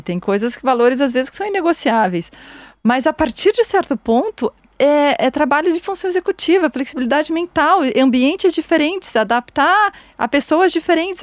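Woman co-host, reflective, explains things, fairly high voice, dry. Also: no room sound. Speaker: podcast co-host. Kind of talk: podcast conversation.

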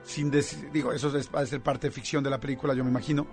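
A man with a Mexican accent hosting a radio show, telling a story in a lively way with lots of fillers. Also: medium pitch, fast talker, creaky, soft background music. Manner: animated storytelling with many fillers. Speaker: radio host. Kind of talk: casual radio chat.

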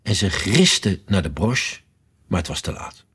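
A man reading a children's storybook aloud in a lively, expressive way. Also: low-pitched, a little slow, slightly rough.

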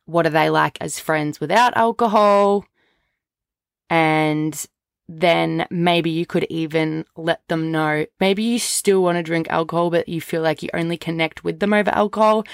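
A woman's voice: on the low side, creaky, smooth, no echo. A young woman chatting informally as a solo podcast host, recorded on a cheap-sounding microphone. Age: young adult. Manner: informal, chatty, frequent "like" and "literally". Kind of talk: casual solo podcast chat. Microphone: low-quality microphone. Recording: cheap USB mic sound, close and dry.

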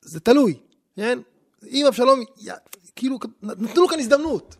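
A man, a rabbi, teaching in conversation and telling stories with lively quoted voices. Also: extremely high pitch. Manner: animated storytelling, acting out quoted voices. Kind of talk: teaching on scripture in a podcast conversation.

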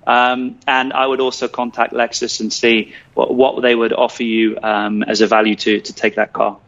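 A man's voice: mid-range voice, completely flat delivery, normal speed, a bit bright, muffled recording. Male radio car-pricing regular; casual, jokey, restarts often. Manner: chatty, hesitant restarts, jokey. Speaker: car expert on a radio show.

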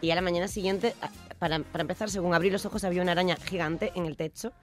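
A woman, a podcast guest telling stories in lively, slangy casual chat. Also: on the low side, very fast, faint music behind. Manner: lively, slangy, self-mocking.

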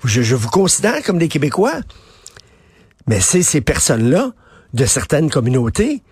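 A man's voice: fairly high pitch, wildly swooping pitch, normal speed, darkish tone, slightly rough, dry recording, clean studio sound. A male radio host with a Quebec French accent and a runny-nosed cold, giving an opinionated, colloquial monologue with emphatic repetition. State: head cold with runny nose.

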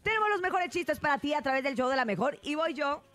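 A woman's voice: high-pitched, animated, fast, fairly bright tone. A woman with a Mexican accent hosting a morning radio show, teasing her co-hosts in slangy, playful banter. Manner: teasing, laughs easily, slangy.

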